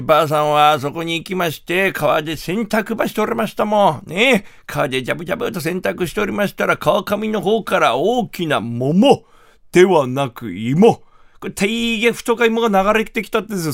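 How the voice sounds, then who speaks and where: Rakugo man, Kumamoto dialect, high and gravelly, playful comic folktale teller and chatty radio host. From Kumamoto, Japan. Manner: animated, playful storytelling with sound effects. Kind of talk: comic folktale telling in dialect, then casual radio chat.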